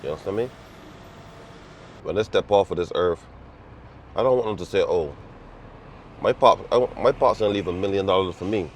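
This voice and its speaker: A Barbadian man from Barbados, a construction worker talking casually in an interview, animated and repetitive, outdoors on a city work site. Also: low-pitched, moderate pace, long pauses, a little hiss or hum, poor audio. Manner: animated, repetitive, laughs while telling stories.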